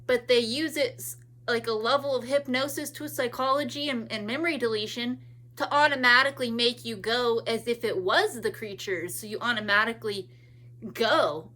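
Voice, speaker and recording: Bright-voiced woman in her thirties rambling. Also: on the high side, normal speed. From California. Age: 30s. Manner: meandering, with many restarts and trailing thoughts. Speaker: vlogger. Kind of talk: rambling personal monologue.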